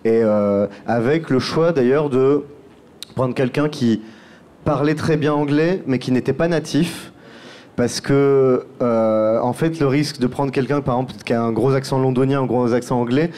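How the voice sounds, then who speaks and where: Mellow-voiced man explaining at length. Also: medium pitch, moderate pace. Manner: talkative, restarts phrases often. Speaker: podcast producer. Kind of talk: round-table discussion.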